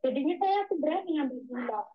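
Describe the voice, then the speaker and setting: A woman's voice: sits high, animated, quick pace. A woman who works abroad as a domestic helper, calling in to tell her story, rambling and repeating the same little tags again and again. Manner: rambling, repeats "gitu" and "Miss". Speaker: migrant domestic worker caller. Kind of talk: telling her story on a call. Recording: tinny phone line.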